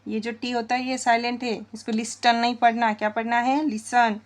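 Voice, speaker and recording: A woman's voice: fairly high pitch, flat delivery, fairly quick. A woman teaching spoken English, repeating sentences word by word and quizzing her viewers.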